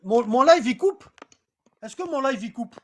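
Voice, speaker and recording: A woman's voice: a little high, animated, measured pace, darkish tone. A woman giving an informal live religious lesson in colloquial street slang, repeating phrases and often checking that listeners follow. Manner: repeats phrases and checks understanding with rhetorical questions. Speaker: religious teacher on a livestream.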